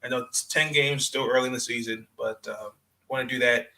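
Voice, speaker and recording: A male sports podcast host with a bright, forceful voice of medium pitch. He talks casually and off the cuff. His delivery is halting, and he often repeats a phrase before moving on. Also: steady tone, rough recording. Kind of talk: casual unscripted sports talk.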